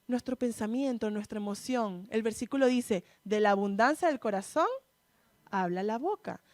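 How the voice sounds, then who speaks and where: A Chilean woman speaks to a church gathering in a somewhat high voice, laying out her points in clear steps and pausing often to check that the audience follows. The recording is dry, with little room sound. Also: dry recording. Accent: Chilean Spanish. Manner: asks the audience frequent checking questions; didactic, structured in steps. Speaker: psychologist giving a church talk. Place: church hall.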